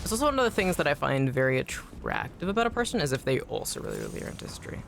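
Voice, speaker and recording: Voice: medium pitch, huge pitch swings, rapid-fire, vocal fry, background noise. A game streamer chatting casually while playing, rambling and repeating words for emphasis. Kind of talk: casual chat while gaming.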